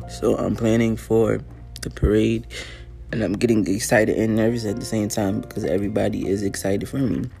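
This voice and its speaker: A man hosting his own show, telling a personal story in an earnest, casual way, often clearing his throat and using fillers, sounding a little tired. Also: lowish voice, steady tone, moderate pace, warm tone, soft background music. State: tired, yawning. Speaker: podcast host.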